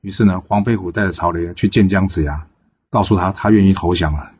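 Relaxed male storyteller, chatty retelling, dull lo-fi recording. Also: low voice, brisk, slightly rough. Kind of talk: storybook narration.

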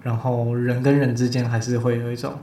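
A man's voice: little pitch movement, a little fast, warm tone. Hesitant male host, roomy sound. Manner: hesitant, many fillers and restarts. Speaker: podcast host. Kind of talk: casual interview chat. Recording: roomy echo, faint rumble.

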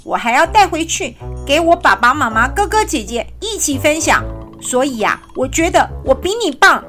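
A woman voicing a small, boastful, quick-tempered hedgehog in a children's story, in a high squeaky voice. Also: very animated, bright, forceful tone, soft background music, exaggerated voice. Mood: indignant.

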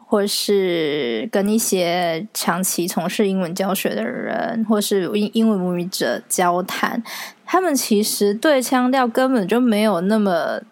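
A young Taiwanese woman with a mid-range voice and a Taiwanese Mandarin accent hosts a solo podcast, recorded with no room sound. She chats casually and tells stories in an animated way, laughing often.

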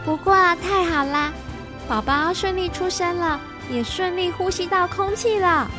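A woman voicing a friendly young dolphin in a children's storybook, speaking in a caring, gentle way. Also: very high-pitched, unhurried, music in the background, voice pushed up. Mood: kind.

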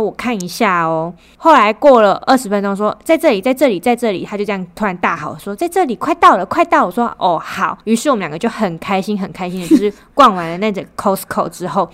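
A young woman chats casually on a podcast. She tells a travel story with lively energy, acts out each quoted line and drops the odd swear word. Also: mid-range voice. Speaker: podcast co-host.

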